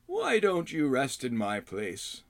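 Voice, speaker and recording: A man voicing a gaunt old male hermit who chides slowly in a high, quavering voice. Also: huge pitch swings, no room sound, clean studio sound, exaggerated voice. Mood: chiding. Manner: slow, drawn-out, high quavering delivery. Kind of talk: audiobook character voice.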